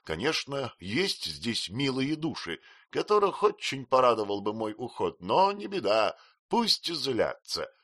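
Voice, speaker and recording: A man voicing an excitable, fiercely loyal female servant with loud, high outbursts. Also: unhurried, no echo, studio quality, heavily acted. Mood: fond.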